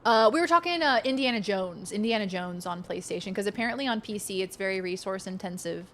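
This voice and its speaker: A woman livestreaming a video game, chatting casually with playful, expressive, giggly commentary. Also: mid-range voice, fast talker, slight background noise.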